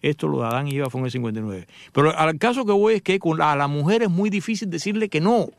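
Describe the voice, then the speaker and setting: A middle-aged man hosts a radio segment about cars, rattling off jokey anecdotes at a brisk clip. His voice sits a touch high and carries a gravelly rasp. The sound is dry and close, with no room around it. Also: animated, no echo. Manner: joking, chatty storyteller addressing listeners. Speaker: radio host and motoring journalist. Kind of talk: casual radio talk with anecdotes.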